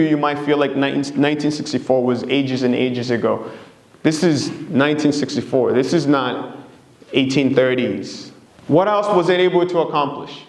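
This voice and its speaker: A man's voice: on the high side, darkish tone. Man presenting in an echoey room. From Democratic Republic of Congo. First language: Swahili, Lingala and French. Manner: earnest, engaging, often checking in with "right?". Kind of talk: presentation to an audience.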